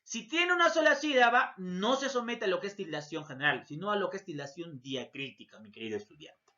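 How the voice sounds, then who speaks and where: The lesson, a recorded grammar class on dull lo-fi audio, is led by a male Spanish teacher from Peru. Speaking fairly quickly in a high, animated, sharp voice, he addresses his students directly and voices the questions they might ask.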